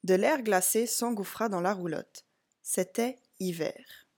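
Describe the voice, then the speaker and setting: A woman reading a children's picture book aloud, in a calm, clear storytelling voice. She speaks slowly and gently to a young listener, pitched at an ordinary middle level for a woman. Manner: slow, clear, addressing a child. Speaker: storybook reader.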